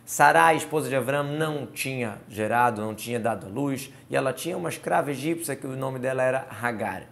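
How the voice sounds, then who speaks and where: A man's voice: mid-range voice, brisk, vocal fry, a bit bright. A man teaching a Torah lesson, reading verses aloud and explaining them word by word with Hebrew terms. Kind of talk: explanatory Bible commentary lesson.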